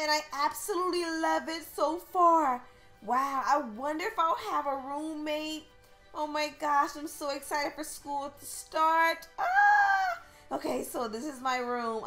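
A woman narrating an in-character game role-play in a gushing, excitable way, with frequent gasps and squeals. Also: sits high. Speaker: gaming video creator.

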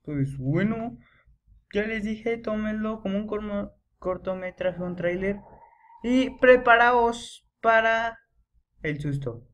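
A teenage boy, giving excitable horror gameplay commentary, chanting and yelling when scared. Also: high-pitched, unhurried. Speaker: gamer.

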